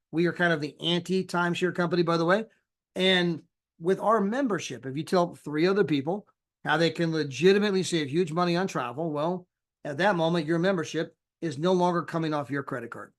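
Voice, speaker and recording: A man giving a chatty sales presentation over a screen share, often tagging his points with "right?" and "you know". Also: fairly high pitch.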